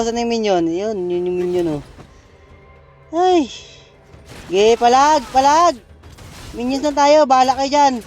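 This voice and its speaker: A man streaming a mobile game, giving excitable play-by-play commentary, laughing often and taunting his opponents. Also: very high-pitched. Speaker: gaming streamer. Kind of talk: live gameplay commentary.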